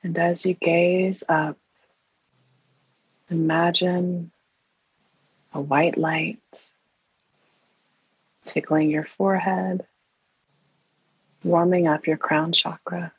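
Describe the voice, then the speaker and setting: A woman leading a guided meditation in an airy, breathy, soothing and hushed voice, leaving long pauses. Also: on the low side, flat delivery. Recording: roomy, dull lo-fi sound.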